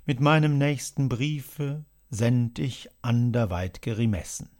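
A man voicing an agitated male writer who loudly reads out a letter in a dramatized audiobook. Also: mid-range voice, slow pace, close to an everyday voice. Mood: declaiming. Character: agitated male literary man announcing news.

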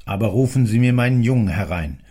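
A man voicing a gruff, domineering older male factory owner who scolds loudly and sarcastically. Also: lowish voice, expressive, fast. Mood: curt.

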